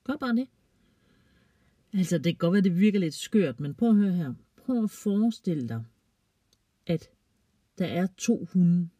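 A woman gently reading a children's story aloud, playfully voicing the characters. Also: fairly low pitch, expressive, slightly rough, dry recording, far from the mic.

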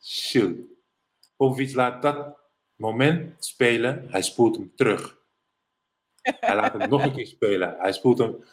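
Man from the netherlands, middle-aged, ex basketball pro, lively storytelling, mid pitch. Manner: animated anecdotes, mimics others in English quotes. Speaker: guest, former pro basketball player. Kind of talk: casual storytelling interview.

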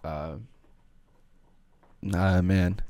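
Low-voiced man hosting a casual podcast. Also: fairly even intonation, extremely slow, mellow, dry recording. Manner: loose, rambling, slangy talk full of "like". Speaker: podcast host. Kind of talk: casual solo podcast chat.

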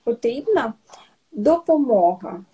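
A woman's voice: a little high, sing-song, takes it slowly, mellow, breathy edge. A Ukrainian woman patiently teaching signs in a casual podcast chat, with many fillers and restarts. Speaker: sign language teacher, guest.

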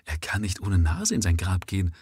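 A man reading a story aloud and voicing a distraught nobleman who begs in a high, strained voice for his father's sake. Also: normal speed, dry recording, clean studio sound, natural voice. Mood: pleading. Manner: begging, wailing, high and strained. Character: distraught pleading Korean nobleman, a son.

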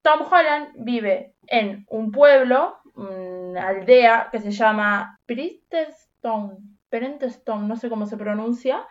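Rioplatense woman, podcast co-host, blunt and slangy, slightly high voice, lo-fi audio. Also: slow, few pauses. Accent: Rioplatense Spanish. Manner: blunt, slangy, animated storytelling. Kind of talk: casual chat.

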